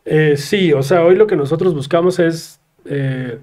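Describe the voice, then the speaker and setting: A man with a Mexican Spanish accent talks through his points in a relaxed interview, leaning on fillers and little tag questions. His voice sits a bit higher than most men's, with a dark, mellow tone. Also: a little slow. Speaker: craft brewery representative guest. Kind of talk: casual interview chat.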